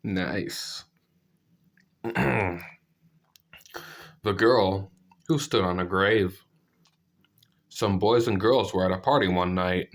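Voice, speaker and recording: A man with a congested, sick-sounding voice narrating scary stories, with deadpan, self-deprecating asides. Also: sits low, drawn-out words, long pauses. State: sick, clearing throat. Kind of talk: scripted story narration with casual asides.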